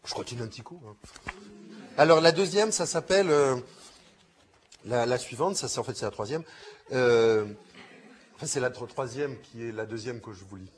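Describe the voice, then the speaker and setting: A man's voice: mid-range voice, moderate pace, pauses often, slight background noise. A man reading short comic plays aloud, taking on every part himself and switching between character voices.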